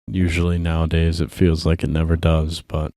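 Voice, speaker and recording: A tired young man, drinking as he hosts his own music show, rambles casually and profanely in a laid-back solo commentary. His voice is very deep, monotone and dark in tone, at a moderate pace, recorded dry with studio quality.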